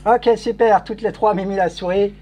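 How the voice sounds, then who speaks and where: A man's voice: high voice, fairly even intonation, moderate pace, dark tone. A man working as a hypnotist in a live show, giving repetitive, commanding suggestions punctuated by shushing. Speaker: stage hypnotist. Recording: noisy live recording with hum.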